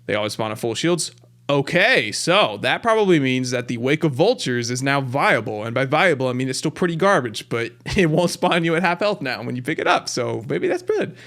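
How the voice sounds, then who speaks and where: A man hosting a gaming video, casually reading patch notes aloud with excited, wry running commentary from a close desk mic. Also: medium pitch.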